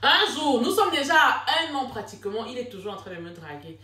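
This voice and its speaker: A young woman tells her own story with lively, dramatic delivery and sudden exclamations. Her voice swings widely up and down and sits a little high. She is heard from a bit away from the mic in an echoey room. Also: a little fast, far from the mic. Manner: animated, dramatic, with bursts of exclamation and laughter. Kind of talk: casual personal storytelling.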